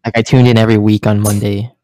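A man's voice: lowish voice, level tone, fast talker, warm tone, dry recording. Rambling man hosting a podcast, dry sound. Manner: hedging, rambling, many fillers. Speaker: podcast host. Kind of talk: casual chat.

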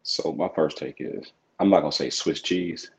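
A man, a football coach, giving calm, smooth analysis as a podcast guest. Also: very deep voice, normal speed. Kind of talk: casual sports podcast interview. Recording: slightly dull lo-fi sound.

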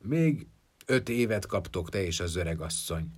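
A man voicing a bony, impatient male Death in a folk tale, loud and blustering. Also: low voice, expressive, breathy edge. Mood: bargaining. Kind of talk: storytelling.

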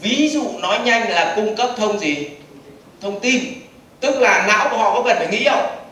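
A man lectures a live seminar in a high, bright voice. He keeps asking the audience questions and answering them himself. He is picked up from afar in a very echoey hall with faint ambient noise. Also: lively intonation, normal speed, far from the mic. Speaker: business trainer.

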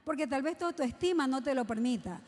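A woman's voice: high-pitched, expressive, brisk, a little mellow. A woman preaching a sermon to young people, asking the congregation rhetorical questions. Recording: long hall reverb.

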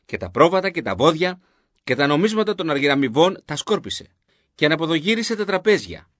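Male narrator, measured scripted Bible reading, dry close sound. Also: fairly high pitch, very animated, a bit bright, dry recording.

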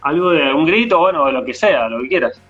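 A man's voice: on the high side, expressive, brisk, phone-quality sound, soft background music. A man with an Argentine accent hosting a casual online interview, chatty and laid-back, full of slang, on a video call. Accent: Argentine Spanish. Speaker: host.

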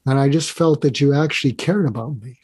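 A man's voice: medium pitch, a little fast, slightly rough, dry recording. Earnest man guiding a listener, dry sound. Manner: warm, earnest, guides the listener through an exercise; often repeats words and restarts phrases. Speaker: podcast guest. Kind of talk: casual interview talk.

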